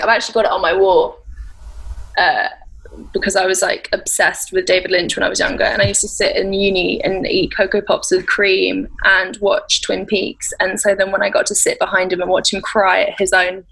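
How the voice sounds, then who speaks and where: A woman's voice: mid-range voice, level tone, moderate pace, creaky, a bit bright, husky, low-quality recording. A young woman chatting as a podcast guest, rambling along with many fillers and restarts. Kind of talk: casual interview chat.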